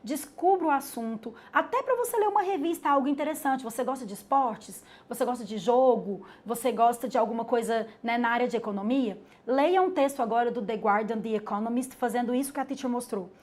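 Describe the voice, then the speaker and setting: A woman's voice: a little high, fairly quick, few pauses, a little mellow. A woman with a Brazilian accent, an English teacher giving a live webinar lesson in a chatty way, calling herself "the teacher" and often tagging "né?" onto her points. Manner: chatty, calls herself "the teacher", frequent "né?" tags.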